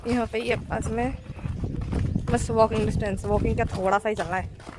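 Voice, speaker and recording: A woman's voice: a little high, steady tone, normal speed, background noise. A woman vlogging her day in casual chat, talking straight to her viewers and getting emphatic when she rants. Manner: chatty, talks straight to viewers; heated and emphatic when ranting. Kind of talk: casual daily vlog chat.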